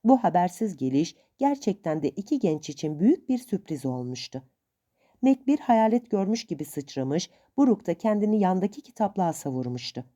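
A woman narrating a storybook in an expressive, measured way. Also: fairly low pitch.

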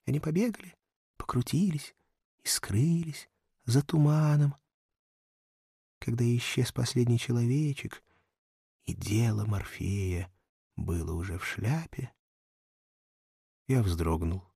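Slow, gravelly male narrator. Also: mid-range voice, mellow, no room sound, studio quality. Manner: measured storytelling, drops to a murmur. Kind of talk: audiobook narration.

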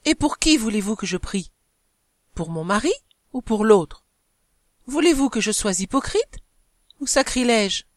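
Brief: a woman playing a distraught young wife in a storybook reading, feverish and bitter, pitched higher, dry close sound. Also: expressive, no echo. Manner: anguished, quick and feverish.

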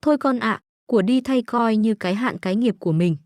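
A weary, tender country mother, read out by a woman narrator. She speaks soothingly and sadly, in a slightly deeper, softer voice. The sound is close and dry. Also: a little fast, no echo, lightly acted. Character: weary, loving middle-aged rural mother.

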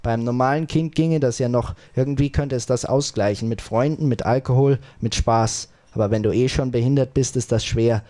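A man narrating a first-person audiobook in a calm, measured way, in short phrases with small pauses. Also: medium pitch.

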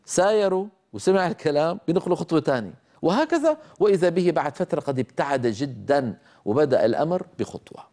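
A male teacher of Quran recitation giving a religious lesson in an earnest way, repeating key points and sounding them out slowly. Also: on the high side, big pitch swings, warm tone. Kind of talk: religious lecture on recitation rules.

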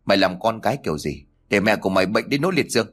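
A gruff older uncle voiced by a man scolds bluntly and quickly. His voice sits low. It is part of a read-aloud story. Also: expressive. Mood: reproachful.

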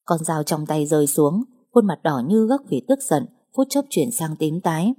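A woman narrating an audiobook in a steady storytelling manner. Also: sits low, moderate pace, slightly rough.

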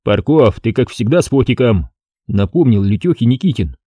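A gruff middle-aged police chief, impatient and slangy, voiced by a man reading an audiobook. The voice is dark and mellow with a lively pitch. It is recorded dry and close. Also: normal speed, no echo.

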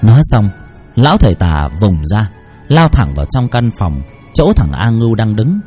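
A man's voice: fairly low pitch, moderate pace, slightly rough, soft background music. A man narrating a horror story in a dramatic, suspenseful style. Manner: expressive, suspenseful.

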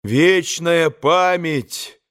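A man voicing a crowd of young boys shouting together in an audiobook. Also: on the high side, extremely slow, smooth, voice pushed up. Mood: rapturous. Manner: shouting in unison. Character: chorus of boys, young and rapturous. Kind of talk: audiobook character reading.

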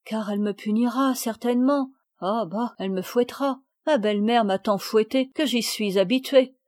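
A woman's voice: on the high side, moderate pace, a little mellow, no room sound, clean studio sound, close to an everyday voice. A woman voicing a defiant, angry little girl who talks to herself in a sulky way, as in a read storybook.

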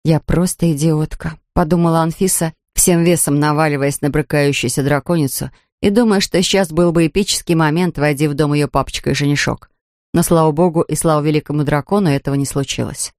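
A woman's voice: deep voice, fast, dry recording, studio quality. A woman narrating an audiobook expressively, acting out the dialogue. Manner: lively, acts out dialogue.

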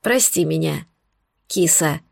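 A woman's voice: sits low, expressive, slow pace, creaky, no echo, studio quality, voice pushed down, full character voice. A woman voicing a rude, sneering young male student in an audiobook. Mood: grudging.

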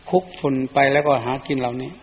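A man's voice: medium pitch, level tone, quick pace. Male monk giving a storytelling sermon. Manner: plain storytelling delivery. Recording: echoey dull lo-fi recording.

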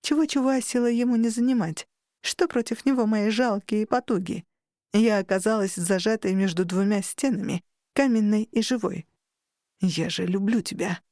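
A woman narrating a fantasy audiobook in the first person, with expressive, steady storytelling. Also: medium pitch, moderate pace, no room sound, studio quality.

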